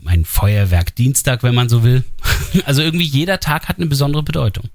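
A man's voice: medium pitch, brisk, a little mellow, dry recording, clean studio sound. A man from northern Germany hosting a regional radio talk, asking chatty questions with fillers. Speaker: radio host. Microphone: studio microphone.

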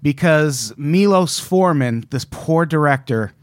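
A man's voice: fairly high pitch, takes it slowly, no echo. Dry-voiced man telling a story. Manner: swearing, animated storytelling with quoted voices. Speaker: podcast co-host. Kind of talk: casual chat.

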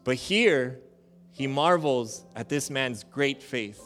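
A male pastor preaching a sermon in a lively, joking, conversational way. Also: medium pitch, takes it slowly, faint music behind.

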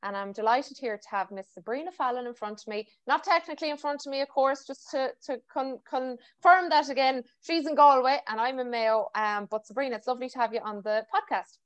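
A woman's voice: high-pitched, fairly quick, few pauses, dry recording. A woman with a West of Ireland accent hosting a podcast in a chatty, informal interview style. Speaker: podcast host. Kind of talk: casual interview chat.

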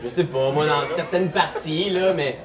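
A young man with a Quebec French accent, narrating a live tabletop game as game master in a lively, laughing way. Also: a little high, a little slow, crowd noise. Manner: lively, animated storytelling, laughing often. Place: large hall before a live audience. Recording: distant mic, roomy hall, audience laughter.

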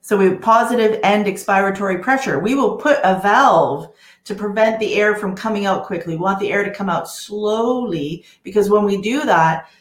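A woman in a casual podcast conversation, telling a personal story in a lively, animated way. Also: medium pitch, normal speed. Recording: roomy echo.

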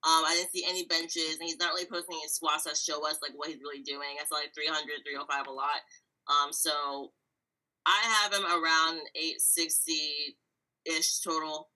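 Very bright-voiced woman listing numbers. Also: deep voice, level tone, normal speed, low-quality recording. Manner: methodical, lists numbers with fillers. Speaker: podcast co-host. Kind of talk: casual sports chat.

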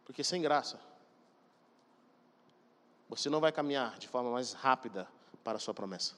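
A man's voice: mid-range voice, lively intonation, moderate pace, fairly bright tone. A man preaching a sermon, emphatic and speaking straight to the congregation. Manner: emphatic, addresses congregation directly. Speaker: pastor. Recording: long hall reverb.

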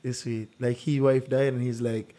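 He's a quiz host with a mid-range voice and moderate pace, leading a casual true-or-false round. Animated stories pour out of him, heavy on the "like" fillers.

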